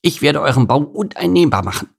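A man's voice: a little high, big pitch swings, fairly quick, vocal fry, breathy edge, pitched above the performer's own voice, exaggerated voice. A man playing Bert, a boastful, chirpy beaver. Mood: cheerful. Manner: chirpy, self-satisfied bragging. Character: boastful, cheerful male beaver self-styled hero.

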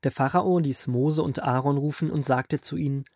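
A man narrating as a grandfather figure, reading a Bible story aloud in a calm storytelling manner for a children's audio drama. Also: mid-range voice, normal speed, dry recording, clean studio sound, natural voice.

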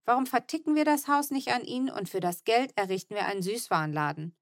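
A woman reading aloud puts on Manne, a grumbling, excitable man in a children's audiobook. He fusses and exclaims, pitched higher and pushed louder than the narration, with a dry, close sound. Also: fast, no echo, lightly acted. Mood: ranting. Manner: fussing and exclaiming.

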